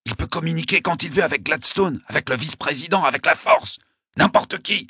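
A man reading an audiobook, voicing a nervous, scornful male conspirator with a raspy voice. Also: on the low side, brisk, pushed and bright, no room sound, clean studio sound, exaggerated voice. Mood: agitated. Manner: scoffing, jittery outbursts. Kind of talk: audiobook character voice.

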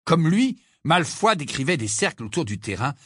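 A man reading a novel aloud as an audiobook narrator, with expressive storytelling. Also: on the high side, normal speed, slightly rough, no room sound, clean studio sound. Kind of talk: scripted narration.

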